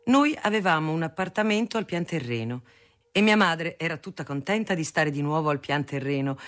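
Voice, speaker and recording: A reader narrating a family memoir aloud in a measured storytelling manner. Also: mid-range voice, fairly bright tone. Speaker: audiobook reader. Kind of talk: reading a memoir novel aloud.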